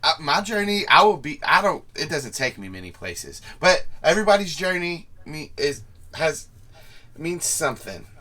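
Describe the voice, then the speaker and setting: Chipper young female registrar, bubbly, lively, bright-toned, put on by a man. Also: on the high side, normal speed, full character voice. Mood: earnest.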